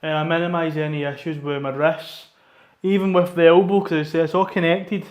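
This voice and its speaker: A man's voice: a little high, level tone, moderate pace, darkish tone. A man chatting casually in a workout vlog, plain-spoken and a bit self-deprecating. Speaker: fitness vlogger. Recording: echoey room.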